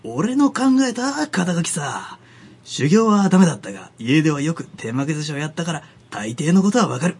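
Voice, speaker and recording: A man with a husky voice voicing a gruff, boastful middle-aged sushi know-it-all in an Edo-style Tokyo dialect, in a comic radio skit. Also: a little high, big pitch swings, normal speed, exaggerated voice. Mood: bossy. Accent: Edo-style Tokyo dialect put on over Kansai. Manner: blustering, rough street talk.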